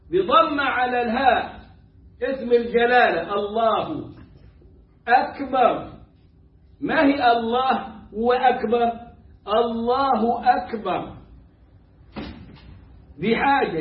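A man with an Egyptian Arabic accent giving a colloquial religious lesson, joking and mimicking mispronunciations. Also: very high voice. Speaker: religious teacher. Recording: echoey room, distant muffled mic.

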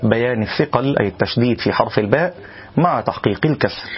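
A man giving a measured spoken lesson, breaking into slow, drawn-out chanted examples as a recitation teacher. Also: medium pitch, lively intonation, husky, highs cut off.

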